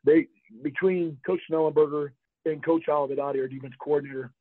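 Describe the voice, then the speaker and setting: A man's voice: on the high side, steady tone, brisk, no room sound. Older man on a tinny phone line. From Florida. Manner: rambling anecdotes with restarts, emphatic, laughs often. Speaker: former college football player, guest. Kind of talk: interview storytelling.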